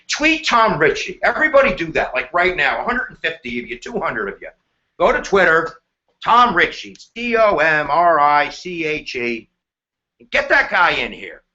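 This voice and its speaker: A middle-aged man runs an energetic history review lesson on a live stream, playful and slangy and jumping into goofy voices. His voice is a little high, bright and forceful, and the recording has a dull, echoey room sound.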